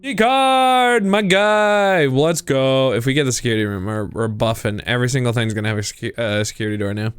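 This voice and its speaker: A man's voice: lowish voice, fairly even intonation, fast, hardly any pauses, clean tone, dry recording. A young man streaming a puzzle game, thinking aloud in a chatty, giggly way. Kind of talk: live gameplay commentary.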